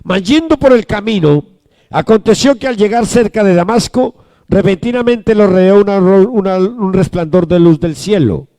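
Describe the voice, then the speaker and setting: A man's voice: high voice, moderate pace, dark tone. A man preaching a sermon as pastor, emphatic and calling on the congregation to answer back. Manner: emphatic, calls the congregation to respond.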